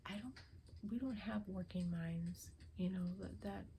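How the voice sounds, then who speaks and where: An older woman running a spirit box session for her vlog, speaking in a hushed, often whispered, earnest and emotional way, pleading for signs. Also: lowish voice, measured pace, vocal fry, a little hiss or hum, rough recording.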